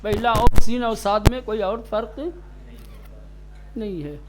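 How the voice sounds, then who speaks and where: A stern male recitation teacher with a noticeably high voice leads a classroom lesson. He draws out each letter sound slowly to demonstrate it and snaps at inattentive students. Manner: stern, scolds students sharply.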